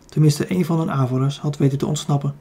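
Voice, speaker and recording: A man's voice: on the high side, fairly even intonation, fast, mellow, husky. A man with a Dutch accent narrating a children's fantasy audiobook, reading steadily with the odd slip and self-correction.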